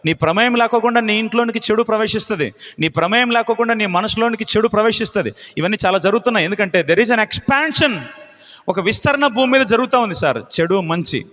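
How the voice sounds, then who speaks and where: A man preaching a live sermon with fiery conviction, firing rhetorical question after question at the congregation. His voice sits high and rings bright. The long reverb of a large hall trails after every phrase. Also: expressive, fairly quick. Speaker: pastor.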